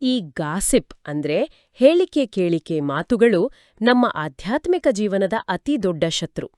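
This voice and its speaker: A woman co-hosting a spiritual discussion podcast, explaining each point calmly from a script. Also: medium pitch, a little slow, no echo, clean studio sound. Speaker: podcast co-host.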